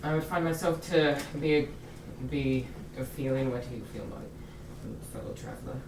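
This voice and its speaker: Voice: medium pitch, normal speed, natural voice. Player putting on a dreamy French traveler. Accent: French (put on). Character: wistful French traveler seeking emotion. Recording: echoey room, distant mic, noise.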